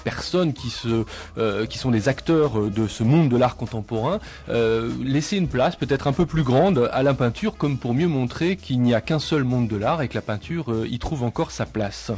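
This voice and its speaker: A man co-hosting a radio panel discussion, framing long questions with many pauses and restarts. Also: medium pitch, a little mellow, breathy edge. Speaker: radio co-host.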